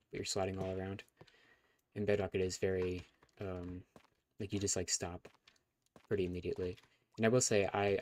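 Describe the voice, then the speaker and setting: A young man hosts a live stream, chatting casually and rambling with fillers and false starts. His voice is low and a little mellow, and it is turning scratchy.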